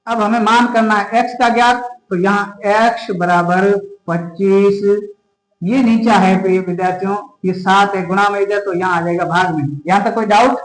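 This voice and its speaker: High-voiced man teaching math, echoey room. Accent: Rajasthani Hindi. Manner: addresses students repeatedly, checks for doubts. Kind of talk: classroom math lesson.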